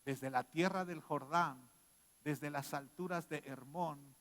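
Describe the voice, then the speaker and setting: A man preaching a sermon as a pastor. He moves between quiet scripture reading and loud shouted exhortation. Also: on the high side, slow, in a large hall.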